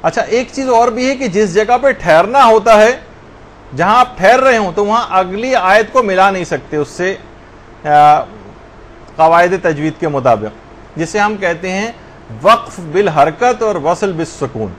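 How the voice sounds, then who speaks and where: A man with a fairly high voice teaches correct Quran recitation in an unhurried lesson. He moves between plain explanation and slow, drawn-out chanting of verses as worked examples. Faint background noise sits under the voice. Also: fairly bright tone.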